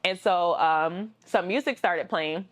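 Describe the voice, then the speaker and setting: A woman's voice: on the low side, takes it slowly. A woman vlogger telling a personal story, candid and emotional, chatty with slang asides.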